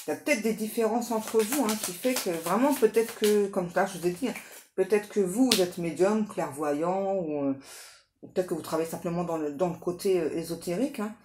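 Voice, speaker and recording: A woman giving a casual, improvised tarot reading straight to the listener, halting and repetitive, often adding little tag words for agreement. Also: medium pitch. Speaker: tarot card reader hosting a guidance channel. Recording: echoey room with faint background noise.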